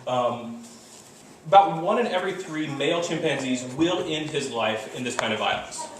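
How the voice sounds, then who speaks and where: A man giving a classroom lecture in a large room, animated, mimicking animal calls and often checking in with "right?". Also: on the high side, normal speed. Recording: echoey hall, mic far off, faint noise.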